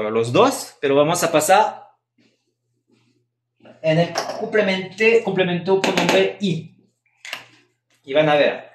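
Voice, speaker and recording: A man gives a live French grammar lesson at a slow, unhurried pace, stretching out the example phrases. His voice sits a little high, and the room adds a noticeable echo. He keeps checking that the students follow. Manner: patient, repeats examples and checks in with "¿eh?". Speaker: French teacher.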